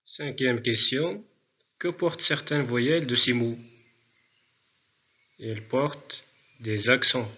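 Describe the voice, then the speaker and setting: A man teaching a remote spelling lesson to pupils, speaking deliberately and repeating words for dictation. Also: mid-range voice, pushed and bright, dull audio.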